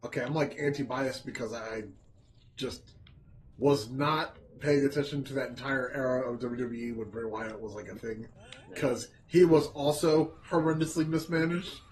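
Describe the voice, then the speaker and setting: A man's voice: mid-range voice, normal speed, a little mellow, low-quality recording. A man in a casual chat, venting in an exasperated rant full of swearing. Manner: heavy swearing, exasperated ranting. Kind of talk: casual chat about wrestling.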